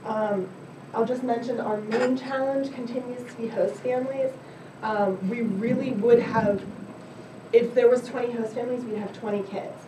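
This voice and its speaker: A woman coordinating an exchange program, giving a relaxed, candid report at a board meeting with frequent filler words. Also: on the high side, moderate pace. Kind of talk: presentation at a school board meeting. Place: school board meeting room. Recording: echoey room, mic far off, noisy.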